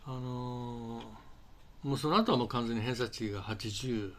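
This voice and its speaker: A man, an English conversation teacher talking casually to camera in a rambling, halting way full of fillers and restarts. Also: mid-range voice, steady tone, fairly bright tone. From Japan. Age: 60s.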